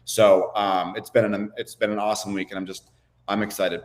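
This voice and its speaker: A man co-hosting a livestream chat, upbeat and gushing with excitement. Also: on the low side, a little fast. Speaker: co-host.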